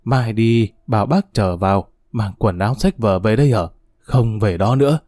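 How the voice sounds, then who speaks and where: A man's voice: lowish voice, moderate pace, a little mellow, no echo, studio quality, close to an everyday voice. A man voicing a frail, sick old grandmother who scolds and grieves between coughs. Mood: grieving.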